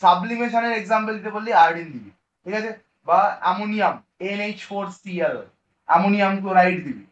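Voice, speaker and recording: High-voiced male chemistry teacher. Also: quick pace, muffled recording. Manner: lively, coaxing, keeps checking students understand. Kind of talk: classroom lecture.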